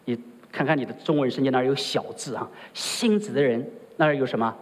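Preaching fast at a medium pitch in a large hall, the pastor keeps throwing rhetorical questions at his audience. "Right?" comes up again and again as he drives his sermon along.

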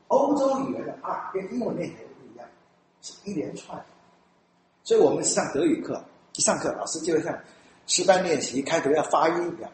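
A man from Taiwan speaking Mandarin with a Taiwanese accent, a church elder telling stories in a lively way, often laughing and mimicking people. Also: high voice. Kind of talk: storytelling talk. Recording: very echoey room with faint noise.

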